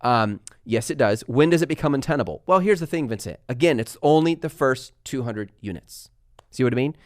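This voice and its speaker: A man from Texas and California hosting a casual live stream, talking fast and energetically while reading viewer comments aloud. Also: medium pitch, expressive, no echo, studio quality. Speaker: livestream host answering viewer questions.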